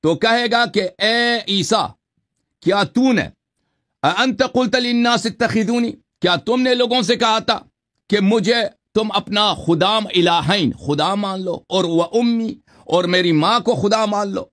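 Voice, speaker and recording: A man hosting and arguing in a heated religious debate, insistent and argumentative, slowing down to recite scripture. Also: high-pitched, fairly bright tone.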